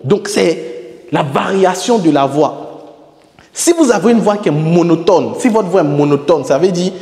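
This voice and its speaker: A man's voice: high-pitched, animated, moderate pace, mellow. A man, coaching public speaking in a lecture, repeating key words and acting out examples. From Côte d'Ivoire. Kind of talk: lecture to camera. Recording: echoey room with long reverb.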